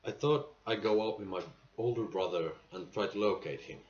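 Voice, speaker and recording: A man playing an aging, nostalgic salesman in a dramatic stage monologue, earnest and halting, with emphatic bursts. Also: lowish voice, darkish tone, lightly acted. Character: aging male salesman, nostalgic, pleading, weary pride. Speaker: actor performing a monologue. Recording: muffled amateur recording with clear background noise.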